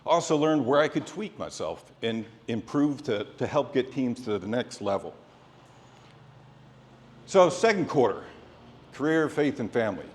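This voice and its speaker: A middle-aged man delivering a prepared, sports-themed motivational speech in an earnest, deliberate way, in short phrases with pauses. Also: mid-range voice, animated. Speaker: motivational speaker. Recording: echoey hall with long reverb.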